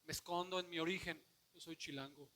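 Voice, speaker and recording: A man preaching a sermon, asking the congregation rhetorical questions and swinging from quiet, low passages to loud declamation. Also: fairly even intonation, a little fast. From Mexico. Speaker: pastor.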